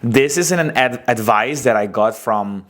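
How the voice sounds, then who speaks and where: A man in his twenties with an Aruban accent, a wedding photographer telling his story and giving business advice in a casual talking-head episode, animated and expressive. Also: a little slow. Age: 20s. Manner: animated, expressive storytelling with big pitch swings.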